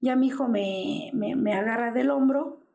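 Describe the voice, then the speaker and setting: Speaking at a moderate pace with a warm, creaky voice on the high side, a Mexican Spanish-accented woman in her fifties gives an interview. As the mother of a missing man, she tells an anguished story, acting out the exchanges as personal testimony.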